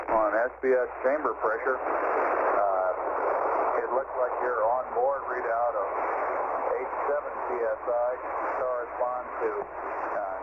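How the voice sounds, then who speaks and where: An American man working as a mission control communicator, speaking in crisp procedural radio-check style over a band-limited vintage space radio link. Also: mid-range voice, phone-quality sound, very noisy.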